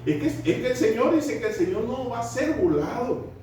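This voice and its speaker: Male pastor, high lively voice, preaching with questions to the flock, booming echo from far off in a big hall. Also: moderate pace. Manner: preaching with rhetorical questions to the congregation; asides and chuckles mid-sermon. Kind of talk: sermon. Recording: very echoey hall, voice from far off, faint noise.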